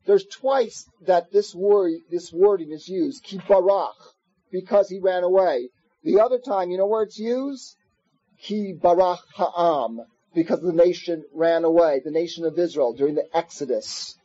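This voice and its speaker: A man giving a Torah class, explaining verses in a conversational way and telling stories with lively asides, on an old tape recording. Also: sits high, unhurried, husky, highs cut off. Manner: conversational, animated storytelling with asides. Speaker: Torah teacher.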